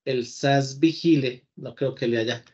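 A man's voice: mid-range voice, steady tone, measured pace, darkish tone. A man teaching a live coding class, chatting and talking to his computer as if it were a person. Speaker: programming teacher. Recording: slightly dull lo-fi audio.

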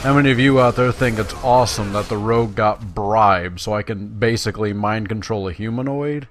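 A gaming YouTuber speaks a little fast in a fairly low voice, giving casual, self-deprecating let's-play commentary directly to his viewers. Video game sound plays in the background.

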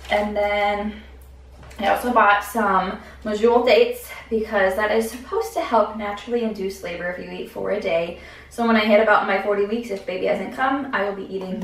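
A woman's voice: medium pitch, far from the mic, a little hiss or hum. A young adult woman walking through her groceries in casual vlog chat, thinking aloud with fillers, recorded at home in her kitchen by a camera a few steps away. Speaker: vlogger. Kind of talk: casual grocery haul walkthrough. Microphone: camera at a distance. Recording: echoey kitchen, voice from off the mic.

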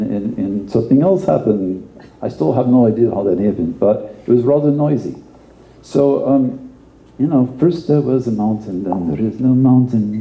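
A man's voice: medium pitch, reverberant, muffled recording. A male pastor giving a conversational sermon, often repeating words and adding asides.

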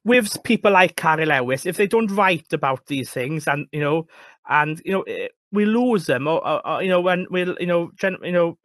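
Give me a high-pitched Welsh man chatting about books, hesitant and rambling. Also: expressive, normal speed, a bit bright, no room sound. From Wales. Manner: rambling, hesitant, repeats words. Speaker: librarian, guest. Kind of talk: casual book chat.

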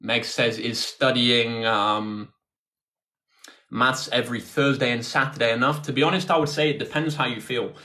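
A man in his twenties with a British accent chats with viewers during a tutoring livestream, fielding their questions informally from indoors, close to a phone on a tripod. His medium-pitched voice is bright and forceful, with fairly even intonation at a normal speed.

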